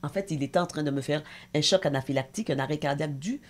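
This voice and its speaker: A woman's voice: low-pitched, fast talker. A middle-aged woman, a talk show guest and association president, giving an intense, emotional personal testimony with hesitations.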